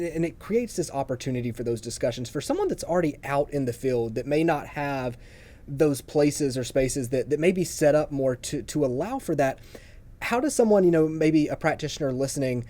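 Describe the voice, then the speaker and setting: An interviewer with a mellow, warm, mid-pitched voice. The questions come out long and thoughtful, circling back through restarts before landing.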